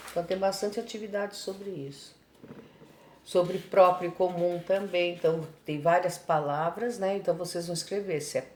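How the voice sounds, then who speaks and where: A woman's voice: lowish voice, darkish tone. A Brazilian woman teaching a remote lesson, patiently explaining homework and checking in after each point. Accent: Brazilian Portuguese. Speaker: schoolteacher. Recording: echoey room with faint background noise.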